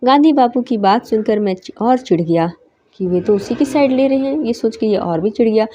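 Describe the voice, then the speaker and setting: Mellow-voiced woman teacher explaining a lesson. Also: fairly high pitch, lively intonation, moderate pace, slight background noise. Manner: reads aloud and explains, with "देखिए" asides. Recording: slightly dull lo-fi recording.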